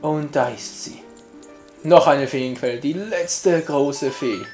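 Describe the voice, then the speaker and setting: A man's voice: on the high side, takes it slowly, a little mellow, reverberant, faint music behind. A man giving casual, jokey gameplay commentary as a let's player, chatting to his viewers.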